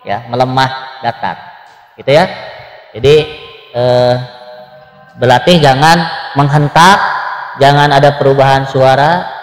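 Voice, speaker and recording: A man teaching Quran recitation online, gently correcting students and chanting short examples. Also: mid-range voice, steady tone, roomy sound, big-room sound, soft background music, low-quality recording. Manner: chanting examples slowly between plain explanations. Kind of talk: online tajweed lesson.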